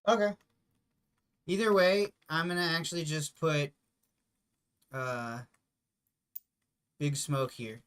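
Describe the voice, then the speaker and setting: A man's voice: a little high, steady tone, slow, long pauses, fairly bright tone, smooth. A man playing a tabletop wargame, thinking aloud and correcting himself as he decides moves. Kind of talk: casual game-table chat.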